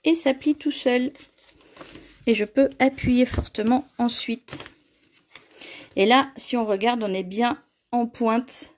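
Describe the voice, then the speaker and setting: A woman's voice: on the high side, takes it slowly, pauses often. A woman hosting a live paper-craft tutorial, chatting with viewers and laughing often as she reads their comments.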